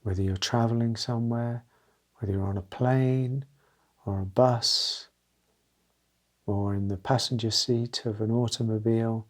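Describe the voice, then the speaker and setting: A man with a medium-pitched voice leads a guided meditation, speaking gently and without a script in brief, halting phrases with pauses between them.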